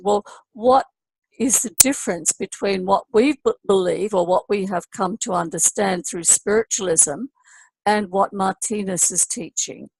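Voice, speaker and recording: A woman's voice: medium pitch, darkish tone, breathy edge, no echo, rough recording. A woman hosting a panel interview, asking questions in a polite, inquiring way. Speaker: host.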